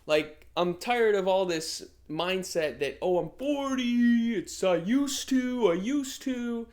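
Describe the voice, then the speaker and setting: A man's voice: high voice, lively intonation, slow pace, a little mellow. A man in his thirties talking in a casual vlog, brash and motivational, swearing freely. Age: 30s. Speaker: vlogger.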